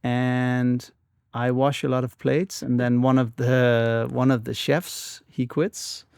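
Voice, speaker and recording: A man in his forties with a Danish accent, telling his life story as a guest in a halting, repeating way. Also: medium pitch, flat delivery, gravelly, darkish tone, smooth, dry recording, studio quality. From Denmark. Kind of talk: casual interview storytelling. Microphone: studio microphone.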